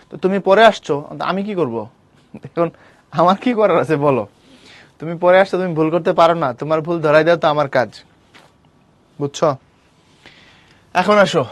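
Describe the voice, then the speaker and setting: A male teacher explains a literature text in a lively way, teasing and scolding his students directly. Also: on the high side, no room sound. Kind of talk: online class lecture on a literature text.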